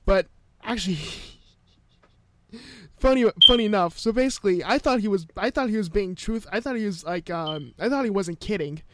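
A man's voice: high-pitched, normal speed, fairly bright tone, a little hiss or hum. A young man co-hosting a podcast, telling a story in a rambling, casual way with many restarts. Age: young adult. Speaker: podcast co-host. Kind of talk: casual chat.

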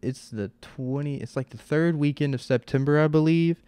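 A young man in his twenties riffs alone on his podcast in a smooth, resonant voice. He talks loosely and rambles, leaning on filler words and tossing in casual swearing. The sound is close and dry. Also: fairly high pitch, moderate pace, warm tone, no room sound. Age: 20s. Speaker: podcast host. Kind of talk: casual solo podcast monologue.

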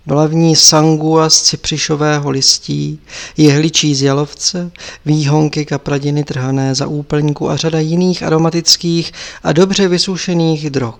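A male audiobook narrator reads in a calm, measured way. His voice sits somewhat high for a man. The delivery stays steady and scripted throughout. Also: gravelly.

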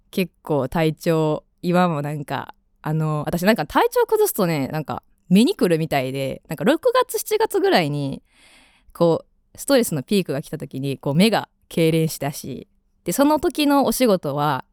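A woman in her twenties with a Kansai Japanese accent hosts a radio show, chatting casually and rambling with lots of fillers. Her voice is low-pitched and a little mellow, in a dry recording with clean studio sound.

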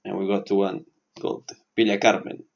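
A man's voice: on the low side, level tone, a little fast, creaky, dull audio. A man co-hosting a podcast, telling a story in a loose, laughing way. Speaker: podcast co-host. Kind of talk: casual storytelling.

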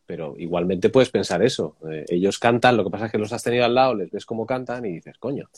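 Spanish male host, low and husky, laid-back talk, dry close mic. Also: fast, dry recording. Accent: Spanish from Spain. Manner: relaxed, conversational, drops in mild swearing. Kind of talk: casual interview.

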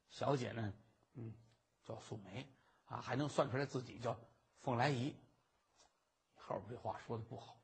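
A man's voice: mid-range voice, gravelly, slightly rough, pitched below the performer's own voice. A man voicing a cheeky young maidservant who teases and toys with a nervous suitor, in traditional comic storytelling. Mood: chatty. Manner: teasing, playful, quick-witted.

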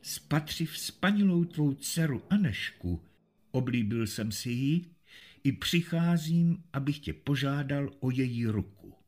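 A man's voice: mid-range voice, lively intonation, darkish tone, natural voice. A man doing a proud, stern medieval knight. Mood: courtly. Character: proud hot-tempered male knight. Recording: faint music behind.

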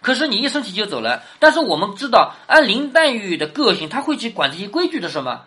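Reading passages from a classic novel aloud and then explaining them, this woman sounds very animated, with a quick pace and a mid-range voice that's a bit bright and slightly rough. She frequently poses questions to her listener, and quoted lines get extra lift.

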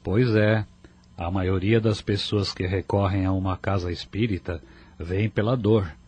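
A calm, fatherly mentor gently counsels a friend in a radio play, voiced by an actor. His voice sits fairly low with a slight huskiness, and he. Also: measured pace, breathy edge, highs cut off. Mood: counseling. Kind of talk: radio drama acting.

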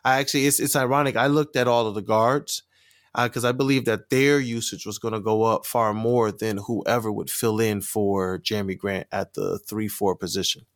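A man's voice: fairly low pitch, steady tone, normal speed, dry recording, clean studio sound. A man who is a guest on a sports podcast, talking casually and hesitantly with many fillers.

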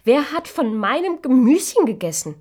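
A woman's voice: medium pitch, animated, fairly quick, a little mellow, breathy edge. A woman voicing seven small, kind but fussy dwarf men in a storybook reading, asking puzzled questions, sometimes in a whisper.

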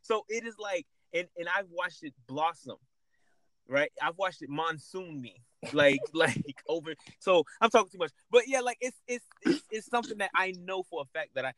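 Bright, rambling man in casual chat. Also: high-pitched, expressive, moderate pace, dry recording. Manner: rambling, many repeated fillers.

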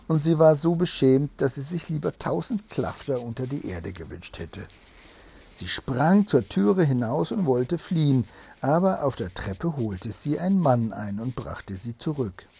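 A man reading a fairy tale aloud to a child, pausing to explain the story gently. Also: medium pitch, big pitch swings, gravelly, husky.

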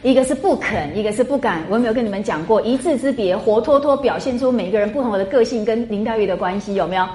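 A woman lecturing a class on a classic novel, chatty and animated, full of rhetorical questions. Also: a little high, fast talker, few pauses. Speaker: literature lecturer. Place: classroom with students.

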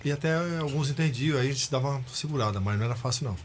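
Middle-aged são guy, rattling off old locker room stories quick, acts out the shouting bits, faint room hiss. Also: medium pitch. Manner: animated, acts out shouted quotes, laughs while telling. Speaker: guest, former goalkeeper. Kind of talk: casual storytelling chat. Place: podcast studio.

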